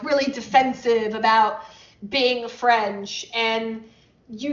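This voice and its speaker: A fairly high-pitched woman co-hosting a chatty podcast, laying out answers in orderly parts and reading from her notes with dry humor. Her voice sits in an echoey room and comes through a dull, lo-fi recording. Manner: explains at length, reads out history notes, dry wit. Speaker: podcast co-host. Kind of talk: casual chat. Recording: roomy, dull lo-fi sound.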